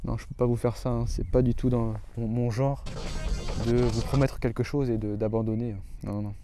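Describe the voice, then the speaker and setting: A man's voice: mid-range voice, level tone, moderate pace, dark tone, soft background music. A man talking to camera in a casual, enthusiastic astronomy travel vlog outdoors, with many fillers and restarts. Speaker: astronomy vlogger. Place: outdoors in a hilly valley.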